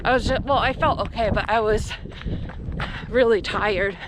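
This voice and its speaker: A woman's voice: mid-range voice, normal speed. An American woman in her thirties chatting candidly to the camera in effortful bursts while running. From Pennsylvania, United States. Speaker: running vlogger. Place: outdoors on a rural road. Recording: outdoor wind and passing traffic noise.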